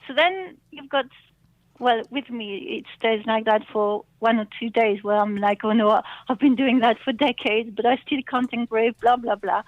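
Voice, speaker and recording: Middle-aged woman caller over the phone; halting, hesitant delivery, slightly high, muffled lo-fi line. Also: dry recording. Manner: hesitant, halting, laughs often. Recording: dull phone line, dry.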